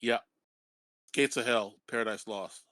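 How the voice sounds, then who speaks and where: A man's voice: lowish voice, a little slow, pushed and bright, no echo. A man playing a tabletop role-playing game, joking and laughing often as he slips in and out of his character. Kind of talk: casual play and table chat over voice chat.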